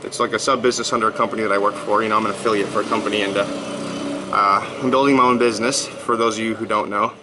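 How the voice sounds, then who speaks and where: A man's voice: fairly low pitch, steady tone, rapid-fire, noisy background. A man in his thirties talking casually in a vlog, rambling and upbeat with lots of fillers, just back from a workout. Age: 30s. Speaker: blogger.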